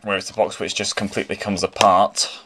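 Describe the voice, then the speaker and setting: Background noise accompanies a low, fairly quick British man's voice with little pitch movement. At home on a carpeted floor, he's unboxing a model locomotive, chatting eagerly and casually, rambling with lots of restarts, his throat slightly croaky.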